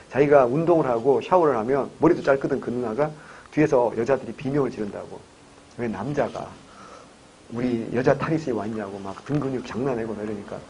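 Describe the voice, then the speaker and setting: A man's voice: mid-range voice, dark tone, rough recording. A man teaching history for exam prep, telling jokey stories and firing rhetorical questions at his students. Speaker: history lecturer.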